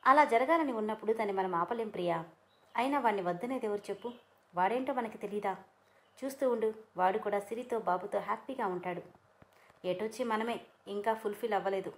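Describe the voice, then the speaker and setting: A man's voice: high-pitched, fairly quick, vocal fry, fairly bright tone. A woman reading as a teasing young husband. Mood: reassuring. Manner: teasing, coaxing.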